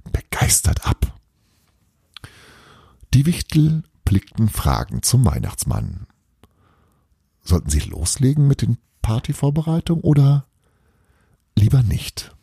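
A man reading a Christmas story aloud with a lively, expressive delivery. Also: lowish voice, gravelly, breathy edge, no echo, studio quality.

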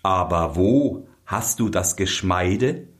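A man's voice: low voice, animated, slow. A man voicing a young prince who questions firmly and insists. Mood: suspicious.

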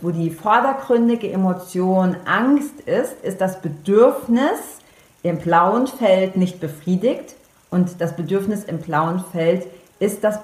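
Woman coach explaining stuff earnestly, talks right at you, repeats the important bits, roomy echo. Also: medium pitch. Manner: earnest, addresses the listener directly, repeats key points. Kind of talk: explanatory monologue to the viewer. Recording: echoey room.

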